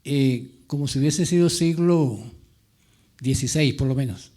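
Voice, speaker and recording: A man from the Latin American mountain highlands, a novelist reminiscing in a halting, digressive way, often repeating his words. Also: warm tone. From rural mountain highlands of Latin America. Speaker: novelist on a panel. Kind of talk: rambling personal reminiscence.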